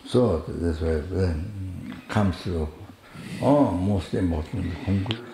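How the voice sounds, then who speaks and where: A man teaching Buddhist practice in a slow, halting way with long hums, his not the one he speaks. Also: low-pitched, gravelly, dark tone. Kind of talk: dharma teaching in English. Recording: roomy hall sound with faint noise.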